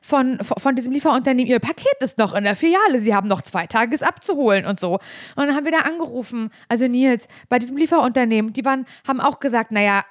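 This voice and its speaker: A woman co-hosting a podcast in casual chat, telling an animated story and acting out the voices of the people in it. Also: a little high, fast talker, few pauses, no room sound, clean studio sound. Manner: animated storyteller who acts out quoted voices. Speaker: podcast co-host. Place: Berlin.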